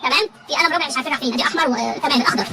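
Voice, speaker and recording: A woman's voice: sits high, rapid-fire. A woman teacher with an Egyptian Arabic accent drills vocabulary with a class, asking each question again and again and having the class answer back. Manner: repetitive call-and-response questioning. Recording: loud crowd and background noise.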